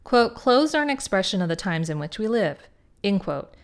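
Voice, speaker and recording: A woman's voice: mid-range voice, very animated, moderate pace. A woman hosting a history channel, reading quotes from old fashion articles and cutting in with sarcastic asides. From rural upbringing. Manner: sarcastic asides between quotations.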